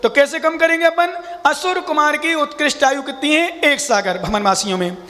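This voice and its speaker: Male monk lecturer, very high bright voice, explains and quizzes, reverberant hall. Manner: explains step by step, quizzes listeners, chants sutras slowly. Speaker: Jain monk teaching scripture. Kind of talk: scripture class lecture.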